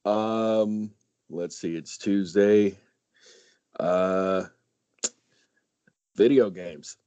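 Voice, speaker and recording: Speaking extremely slowly with a clean tone, this late-thirties podcast guest from San Diego keeps things casual, cursing often and leaping up in pitch when excited. The audio is dry and dull.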